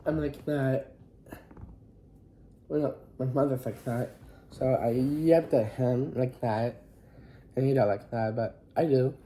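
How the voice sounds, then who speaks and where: A high school student in their teens recording a casual recap vlog on a phone, talking in a halting, rambling, apologetic way. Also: mellow, a little hiss or hum.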